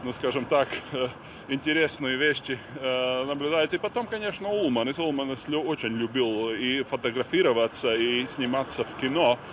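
A man's voice: medium pitch, moderate pace, fairly bright tone. A middle-aged man giving a spontaneous interview outdoors as a commentator. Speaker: political scientist, interviewee. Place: busy city square outdoors. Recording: noisy street ambience.

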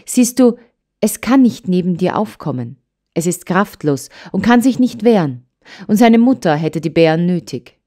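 A woman voicing a kind, earnest old grandmother in an audiobook, admonishing gently and soothingly. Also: on the low side, animated, normal speed. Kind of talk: audiobook character voice.

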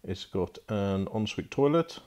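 A man's voice: lowish voice, animated, unhurried, a little mellow. A man giving a casual walkthrough tour of a barge interior as a boat broker, talking off the cuff with frequent fillers, recorded on a handheld phone inside wooden cabins.

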